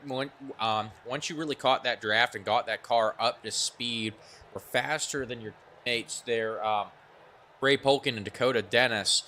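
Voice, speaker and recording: A man interviewing drivers after a sim race, quick and upbeat, his questions full of ums and restarts. His voice is bright and forceful. A faint hiss of noise sits behind him. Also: mid-range voice. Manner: upbeat, hurried questions with many fillers. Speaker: esports racing broadcaster interviewing drivers.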